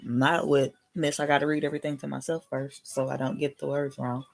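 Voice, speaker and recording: A woman's voice: extremely low pitch, level tone, a little fast, creaky, a little mellow. A woman in her thirties chatting casually as host of a family card game, rambling and thinking aloud in slangy speech. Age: 30s. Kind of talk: casual chat.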